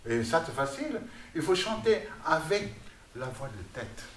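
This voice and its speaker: A man's voice: fairly high pitch, sing-song, measured pace, fairly bright tone. Guest lecturer, male, rambling demonstrative talk, roomy room with faint hiss. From Vietnam. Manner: rambling, often asks "n'est-ce pas?". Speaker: guest musician and voice researcher. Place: artist's workshop, indoors. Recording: roomy hall with faint noise.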